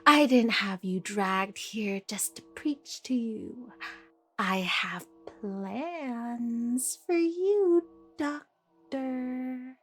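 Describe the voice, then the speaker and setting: A deranged female asylum villain for an audio roleplay. The voice is fairly high and very unhurried, with a husky, breathy edge. The delivery is playful yet menacing, theatrical and taunting. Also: fairly bright tone, faint music behind, full character voice. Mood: falsely sweet, scheming. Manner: taunting, theatrical, slipping between whispers and outbursts. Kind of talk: ASMR audio roleplay acting.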